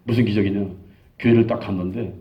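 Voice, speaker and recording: A man's voice: fairly low pitch, fast talker. A man in his sixties, a pastor, telling a testimony in a sermon, acting out the lines of the people in his story. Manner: animated storytelling, acting out quoted dialogue. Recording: dull lo-fi sound.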